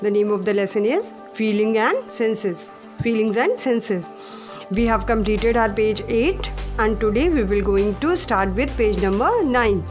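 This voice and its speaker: Lady teacher going slow through the book, spells words out, soft music behind. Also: mid-range voice, expressive, low-quality recording. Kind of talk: classroom lesson, reading from the textbook.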